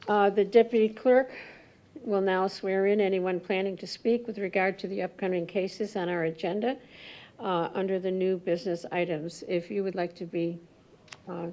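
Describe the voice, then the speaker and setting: Board chair, female, American. Dark, relaxed tone, procedural and matter-of-fact delivery, faint noise in the recording. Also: mid-range voice. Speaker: board chair running a hearing. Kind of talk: formal meeting procedure. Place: public hearing room.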